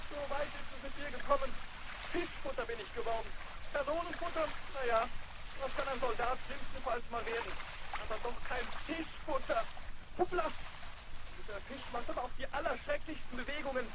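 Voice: sits high, brisk, lightly acted. An actor voicing a brave, stiff little tin soldier in a 1970s radio play, talking to himself with stoic resignation. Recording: loud hiss from an old vinyl record.

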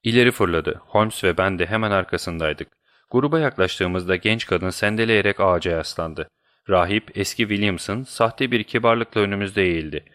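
A man reading an audiobook aloud, with a very deep, low voice. His delivery is steady and measured, telling the story at an even pace. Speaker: audiobook narrator. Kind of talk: audiobook narration.

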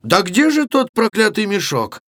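A man reading aloud and voicing a gruff, boisterous middle-aged Cossack villager who exclaims loudly. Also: high-pitched, huge pitch swings, moderate pace, dry recording, studio quality, pitched above the performer's own voice, full character voice. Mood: blustering. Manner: loud exclaiming, blustering.

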